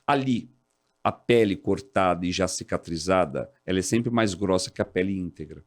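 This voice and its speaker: A man in his forties, a fire department officer, talking as an interview guest in an animated, explanatory way. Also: moderate pace. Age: 40s. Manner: animated, explanatory, jumps high when quoting others. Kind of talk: casual interview talk.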